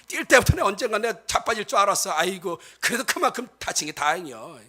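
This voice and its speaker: A woman's voice: medium pitch, sing-song, fast, sharp tone. A male preacher voicing a nosy middle-aged neighbor woman who scolds in a told-you-so singsong. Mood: smug.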